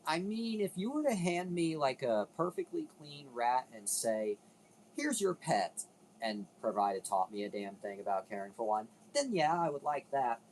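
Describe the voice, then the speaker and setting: A man's voice: medium pitch, expressive, normal speed, few pauses, darkish tone, a little hiss or hum, poor audio. A man hosting a casual commentary video, rambling, cutting himself off and swearing now and then. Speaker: video host.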